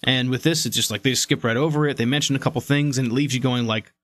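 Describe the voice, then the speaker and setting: A man's voice: mid-range voice, steady tone, fast, fairly bright tone, dry recording. Chatty man on a dry mic. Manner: enthusiastic, laughs often. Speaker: podcast co-host. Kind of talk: casual chat.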